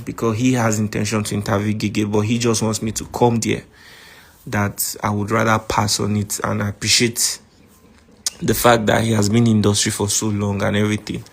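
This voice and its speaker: A man with a Nigerian accent recording a voice message to a friend, calmly recounting a grievance. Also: on the low side, vocal fry. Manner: calm, measured account of a grievance. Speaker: podcast host.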